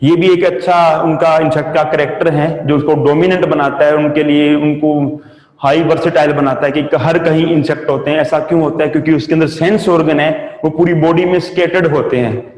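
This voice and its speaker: A man's voice: on the high side, fairly even intonation, fairly quick, darkish tone. A man teaching a lecture, explaining step by step and asking and answering his own questions, mixed in. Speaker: agriculture entomology teacher. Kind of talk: classroom lecture. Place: coaching classroom. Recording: echoey classroom with long reverb.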